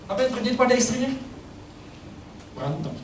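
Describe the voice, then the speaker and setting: A man's voice: extremely high pitch, fast talker, slight background noise. A man giving a sermon-like talk on family, asking the crowd questions and acting out little dialogues. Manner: animated, acts out dialogues, asks the crowd questions. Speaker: speaker at a church event. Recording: echoey hall, voice from far off.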